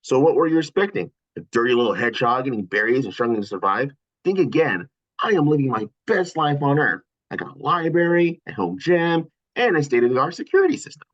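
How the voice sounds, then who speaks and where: A performer voicing a playful, excitable, cocky teenage hedgehog in a cartoon script read. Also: medium pitch, dull audio. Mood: proud, upbeat. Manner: chatty, cheering, quick swings between glee and disgust.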